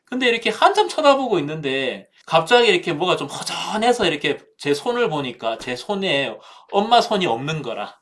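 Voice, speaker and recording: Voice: medium pitch, very animated, fairly quick, hardly any pauses. A speaker at a Bible seminar telling a childhood story in a Bible talk, using vivid sound words and addressing listeners directly.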